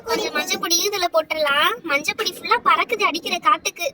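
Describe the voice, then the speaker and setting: A woman with a Tamil accent runs a pretend play with dolls, sounding like a fussing mother who scolds and teases. Her voice is very high and bright, with faint noise behind her. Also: fast talker. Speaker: doll play narrator.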